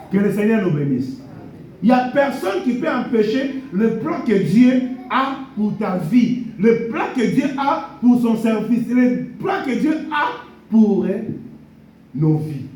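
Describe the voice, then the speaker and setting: A high-voiced pastor with a darkish tone delivers a sermon in a church hall, repeating blessings and key phrases and eliciting amens from the congregation. It's recorded from a distance in the echoey hall, with a little hiss or hum.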